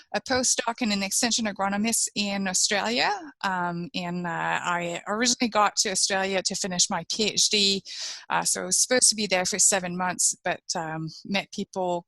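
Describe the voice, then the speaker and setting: A woman's voice: fairly low pitch, gravelly, sharp tone, no room sound, poor audio. A woman from Quebec, an agronomy researcher, answering interview questions from her home office with lots of hesitations and restarts. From Quebec, Canada. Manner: hesitant, many fillers and restarts.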